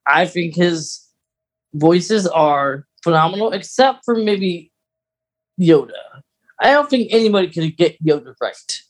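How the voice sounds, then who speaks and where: This podcast co-host is a man whose voice sits fairly high, and he's expressive and unhurried. He chats like an enthusiast breaking down small details, often stopping mid-thought to sort through them.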